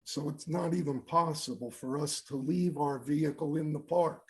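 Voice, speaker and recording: A man's voice: a little high, moderate pace. A man reading his prepared statement aloud from notes as the complainant at a public hearing. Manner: reads steadily from notes.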